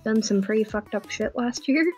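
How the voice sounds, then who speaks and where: A livestream host with a fairly high-pitched female voice chats casually at normal speed while music plays behind her. She tells stories informally and ramblingly, leaning heavily on fillers and swearing now and then.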